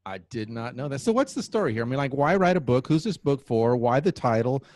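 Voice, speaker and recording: A man's voice: mid-range voice, very animated, brisk, a little mellow, no room sound. A man hosting a podcast, chatting casually and joking with his guest while asking lots of questions. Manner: playful, jokey, asks many questions. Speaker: podcast host. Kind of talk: casual interview chat.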